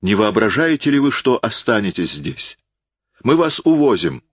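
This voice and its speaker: A man's voice: deep voice, animated, a little slow, no echo. A man reading an audiobook, voicing an impassioned, insistent young man who speaks in emphatic exclamations.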